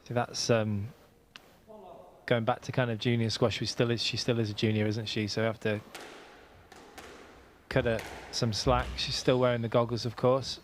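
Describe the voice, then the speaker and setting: Male co-commentator, mid-range voice, conversational and quick to laugh; faint venue ambience. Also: mid-range voice, flat delivery, slight background noise. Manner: chatty, laughs easily, conversational. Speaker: squash co-commentator. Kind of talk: live sports commentary.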